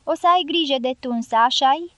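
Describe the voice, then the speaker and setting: Storybook role: a wounded, commanding soldier, voiced by a woman reader, high-pitched and dry. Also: bright, forceful tone, dry recording. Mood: resigned, steady. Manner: measured, firm commands. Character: American male dynamiter, wounded, calm and commanding.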